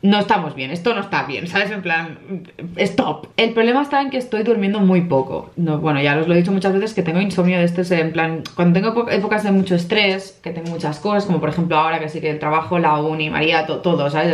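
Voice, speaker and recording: A young woman chats casually to camera, rambling through a story with many fillers and asides. She sounds worn out from little sleep and talks at a fast clip. The room around her is noticeably echoey. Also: lowish voice. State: tired from lack of sleep. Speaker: vlogger. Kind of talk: casual vlog chat.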